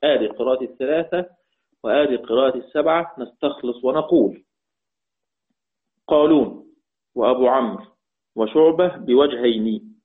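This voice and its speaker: A man with an Egyptian Arabic accent teaching the Quranic readings, repeating each point slowly and chanting verses in a drawn-out way. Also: mid-range voice. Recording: tinny phone-like audio.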